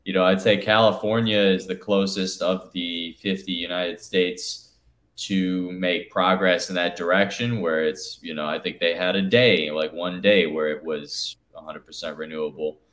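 Low-voiced rambling man, echoey room. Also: fairly even intonation, moderate pace, a bit bright. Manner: loose, rambling delivery full of "you know". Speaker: podcast co-host. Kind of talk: casual chat.

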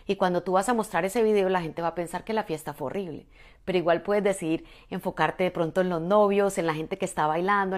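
A woman, a mother and motivational speaker, giving an energetic, emphatic talk straight to the listener. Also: mid-range voice. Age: adult, mother.

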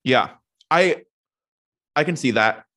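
A man co-hosting a podcast in casual chat, making his points in a measured, reasoned way. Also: medium pitch, lively intonation, bright, forceful tone. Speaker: podcast co-host.

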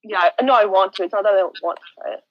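A woman's voice: medium pitch, very fast, no echo, highs cut off. A young woman co-hosting a casual podcast chat, dramatic and easily upset by odd food. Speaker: podcast co-host.

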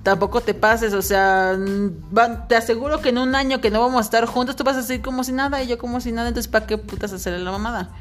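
A woman's voice: on the high side, fast talker, hardly any pauses. A Mexican woman co-hosting a podcast in casual chat, telling stories frankly and swearing freely. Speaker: podcast co-host.

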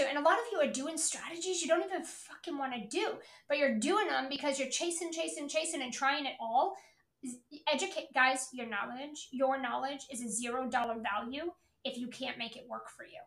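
A woman's voice: sits high, fairly bright tone, roomy sound. A woman giving a motivational business coaching talk in a blunt, emphatic, repetitive way, peppered with swearing.

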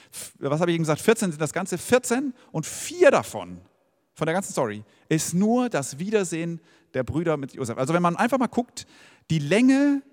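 A man preaching in a casual, conversational way, tossing rhetorical questions at his listeners. His voice sits fairly high and swings animatedly up and down. The sound carries a long, spacious reverb from the church hall. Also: darkish tone. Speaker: pastor. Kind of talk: sermon.

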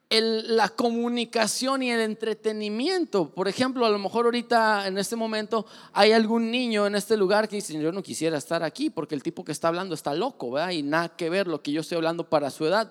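A man in his thirties with a Mexican accent, preaching a sermon in a joking, lively way and acting out little voices. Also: high voice. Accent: Mexican Spanish. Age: 30s. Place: large church hall. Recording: church hall reverb.

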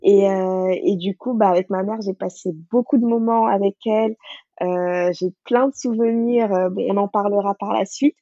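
Her tone steady and mellow at a medium pitch, a Senegalese podcast guest in her thirties talks at a moderate pace in a relaxed interview. She hesitates, fills pauses a lot and laughs frequently; the audio is muffled with no room sound.

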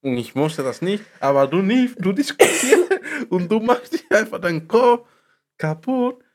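A man from the Republic, chatting casually in halting, broken German and laughing often. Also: high voice. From Dominican Republic. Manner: non-native German, halting broken grammar; laughs often, rises when animated. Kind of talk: casual chat.

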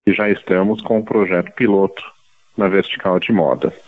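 A man's voice: low-pitched, normal speed. A man with a Brazilian accent giving a prepared business presentation as a company chief executive. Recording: dull narrow teleconference sound.

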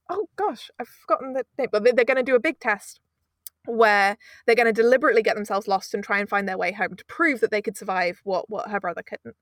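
In an enthusiastic interview conversation, a woman who produces audio dramas speaks as the guest, emphatic and gushing, frequently wandering into tangents. Her medium-pitched voice is a bit bright, recorded in studio quality without echo.

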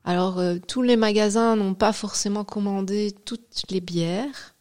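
A woman who runs a brewery, a guest on a podcast, giving short, quick, informal answers. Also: mid-range voice, a little mellow. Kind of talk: casual podcast chat.

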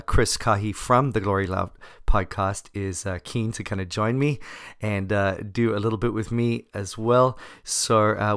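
A man with a low, gravelly voice, a little hoarse from laryngitis, talks casually as a solo podcast host. He is self-deprecating and wry, and the sound is close and dry. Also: no room sound.

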